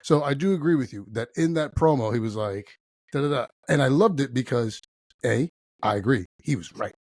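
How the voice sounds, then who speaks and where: A man co-hosting a casual wrestling podcast, talking as an emphatic, enthusiastic fan with a gravelly, husky voice. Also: mid-range voice, lively intonation, brisk, a little mellow, dry recording, studio quality. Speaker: podcast co-host.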